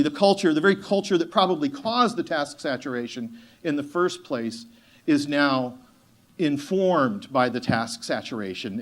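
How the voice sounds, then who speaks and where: Animated, jokey male conference speaker. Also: on the high side. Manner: animated, jokey, acts out quoted voices. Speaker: keynote speaker. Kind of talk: motivational conference talk.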